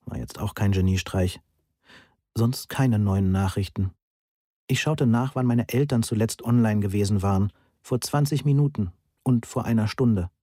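A man narrates a novel in the first person, measured and understated. His voice is low, dark and slightly husky. The recording is close and dry, with no room around it. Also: dry recording. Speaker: audiobook narrator.

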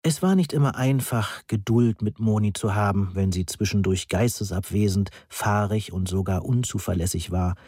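A man reading a novel aloud as an audiobook narrator, dry and brisk. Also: fairly low pitch, darkish tone, breathy edge, no room sound. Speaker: audiobook reader.

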